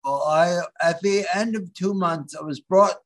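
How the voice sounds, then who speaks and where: A man from the Philadelphia area, a guest in an interview, speaking haltingly with many restarts as he searches for words. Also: high-pitched, fairly bright tone. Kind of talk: interview conversation.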